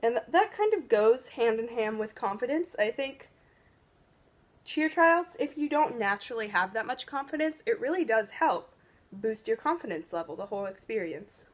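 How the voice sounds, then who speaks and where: A woman's voice: a little high, animated, normal speed. A teenage girl chatting casually while doing her makeup, giving earnest cheer tryout advice with lots of fillers. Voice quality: loud voice. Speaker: beauty vlogger. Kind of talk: casual get-ready-with-me chat.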